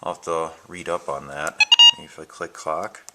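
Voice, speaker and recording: Speaking at a normal speed with a steady tone in a bass voice, an American amateur video maker shows off his gadgets in a casual, unscripted way, thinking aloud with some hesitation. The noisy home video, shot indoors at home and in a workshop, has handling clicks.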